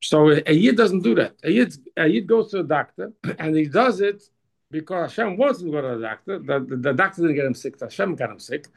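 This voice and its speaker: A man with a slightly high, lively voice and vocal fry teaches a class on a religious text, frequently repeating and restarting his words. He reads passages slowly before translating them, and the audio is poor.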